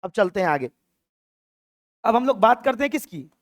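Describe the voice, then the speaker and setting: A man's voice: high voice, sing-song, moderate pace, no echo, studio quality. A man teaching physics in a playful classroom lecture, acting out dialogue lines in a mock-dramatic voice. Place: classroom with a board.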